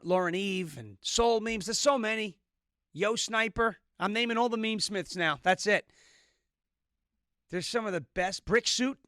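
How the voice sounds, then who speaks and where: A man in his thirties guest-hosts a political commentary show, laying on the sarcasm and snark. His voice is bright and forceful, pitched a little high. The sound is dry and close to the mic. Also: smooth, dry recording. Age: 30s. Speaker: guest host.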